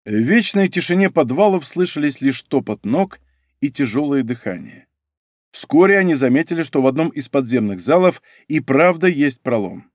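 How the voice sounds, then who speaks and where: A man reading a dramatic audiobook in a steady, tense storytelling manner, close to the mic. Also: medium pitch, moderate pace, no echo. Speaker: audiobook narrator.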